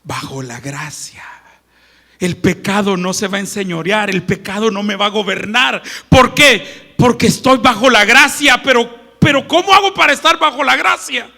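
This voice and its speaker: A male preacher giving a joking Sunday sermon and reading scripture, swinging from loud proclamations to hushed asides. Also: very high-pitched, normal speed, vocal fry, few pauses. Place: church sanctuary. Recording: long church-hall reverb.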